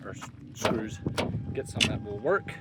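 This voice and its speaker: A man's voice: on the low side, very animated, measured pace. A man casually narrating his DIY car work in a plain-spoken, offhand way, recorded on a phone in the wind. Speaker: DIY car restoration vlogger. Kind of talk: casual narration while working. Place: working on a car, windy outdoors. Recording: windy, noisy phone recording. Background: loud wind noise, clicks.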